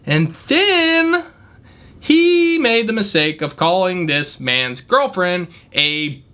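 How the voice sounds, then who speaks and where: A man casually telling an animated story about his valet job, often laughing as he talks. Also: sits high, slow, clear, resonant tone.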